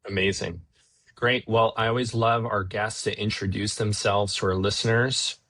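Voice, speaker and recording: Deep-voiced male podcast host. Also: steady tone, normal speed, a bit bright, no echo. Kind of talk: podcast interviewing.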